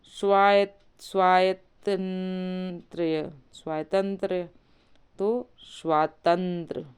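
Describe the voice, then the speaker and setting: A woman teaching spelling in an unhurried, measured way, stopping to break each word into its pieces. Her voice is exceptionally clear and smooth, and it sits a little on the low side. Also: darkish tone. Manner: slow, deliberate, spells words out part by part. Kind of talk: spelling lesson.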